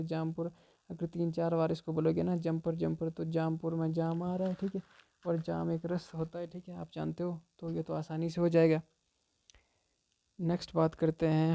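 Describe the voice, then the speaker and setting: A man's voice: on the high side, creaky, warm tone. A man teaching memory tricks for exam prep in a chatty, informal way, tacking "theek hai" onto almost every line. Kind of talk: explaining memory tricks to students.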